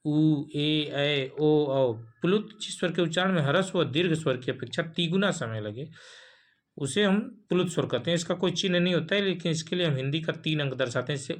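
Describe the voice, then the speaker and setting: Patient man teaching, slightly high voice. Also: moderate pace. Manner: patient, lists terms one by one, recites Sanskrit verses. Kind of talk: explanatory Hindi grammar lesson.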